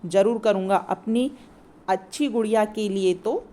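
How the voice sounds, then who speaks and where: A woman's voice: mid-range voice, a little slow, warm tone, close to an everyday voice. A woman reading the part of a kindly old letter box uncle from a children's play, in a plain reading voice. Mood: caring. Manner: read aloud plainly from the play.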